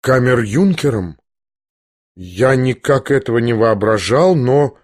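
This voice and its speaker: A man voicing a gentle, timid young prince who speaks softly and haltingly. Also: medium pitch, animated, no room sound, studio quality. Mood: tender. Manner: soft, hesitant, halting.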